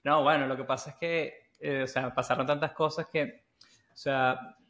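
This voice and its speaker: A man co-hosting a casual chat, halting and repeating words as he goes. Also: medium pitch, fairly even intonation, a bit bright, slight background noise.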